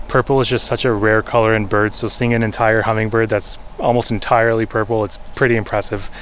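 A man's voice: fairly low pitch, poor audio. A man in his thirties giving an informal, enthusiastic explanatory nature vlog to a camera held at arm's length out in the jungle. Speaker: wildlife photographer and vlogger. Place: outdoors in jungle, orchard and by a river. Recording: faint outdoor ambient noise.

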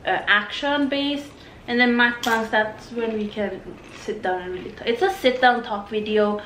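A woman's voice: a little high, normal speed, fairly bright tone. A young woman chatting casually while eating, full of fillers and restarts. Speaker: vlogger. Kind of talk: casual mukbang chat. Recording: echoey room with faint noise.

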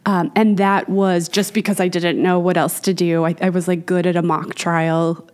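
A woman's voice: fairly low pitch, flat delivery, normal speed, a little mellow. Chatty woman from Virginia. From Manassas, Virginia, US. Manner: chatty, upbeat, frequent fillers. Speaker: artist guest. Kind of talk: casual interview chat. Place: gallery space, indoors. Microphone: studio mic on boom arm, headphones.

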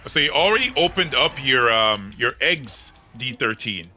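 A man's voice: mid-range voice, sing-song, normal speed, bright, forceful tone. A young man chatting casually with viewers on his game livestream, joking and laughing often in slangy talk.

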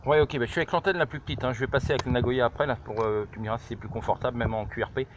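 A middle-aged amateur radio operator tests a handset from a high viewpoint over countryside, making informal calls while repeating himself and hesitating. His mid-range voice races along with fairly even intonation. A camera held just behind his shoulder captures noisy outdoor phone audio with clicks.

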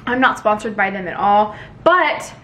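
A Texan lifestyle vlogger in her twenties chats casually to a camera set on a tripod across her home kitchen. Upbeat and gesturing with her hands as she talks, she has a mid-range, fairly bright voice that's expressive and moves at normal speed.

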